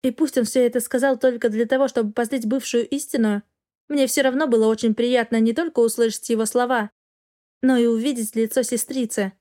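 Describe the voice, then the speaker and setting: A woman narrating a first-person fantasy novel with an expressive, wry inner voice. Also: fairly high pitch, fairly quick. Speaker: audiobook narrator.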